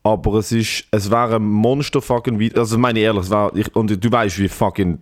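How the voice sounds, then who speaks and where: A man with a Swiss German accent and a phlegmy smoker's rasp, chatting casually with lots of slang, swearing and emphasis. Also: on the low side, steady tone, a little fast, no room sound, clean studio sound. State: congested with phlegm. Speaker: comedian and podcast host. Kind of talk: casual podcast banter.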